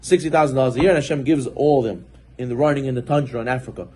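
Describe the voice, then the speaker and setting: A man's voice: medium pitch, racing, a little mellow. A man, a rabbi, giving a Torah class in a conversational way, acting out little scenes with his voice rising as he goes.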